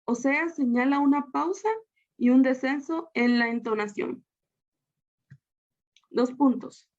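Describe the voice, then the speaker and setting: A woman's voice: sits high, slow pace, darkish tone. A woman from Guatemala, a student teacher, talking through a lesson over slides in an explanatory way, with frequent fillers and restarts. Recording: slightly dull, lo-fi audio.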